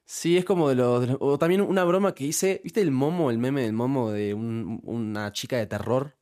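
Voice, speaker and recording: Here a young man from Uruguay, guesting as a YouTuber on a laid-back podcast interview, speaks at a normal speed in a mid-range, somewhat mellow voice. His accent is Uruguayan Spanish, and he restarts often and uses plenty of fillers.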